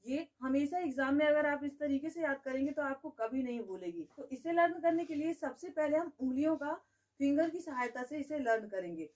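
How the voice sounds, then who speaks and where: High-voiced woman teaching a grammar lesson. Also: animated, a little fast, a little mellow, distant mic, low-quality recording. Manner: asks the class questions and answers them herself; says "okay" often.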